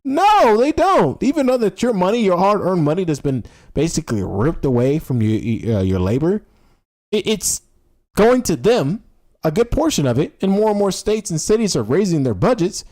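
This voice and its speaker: A male political streamer delivers a scornful, sarcastic exposé off the cuff. His voice sits a little high and leaps dramatically up and down. He is blunt and profane, hammering points home with rhetorical questions. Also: big pitch swings, normal speed, warm tone. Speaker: political livestreamer. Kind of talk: unscripted political rant on a livestream.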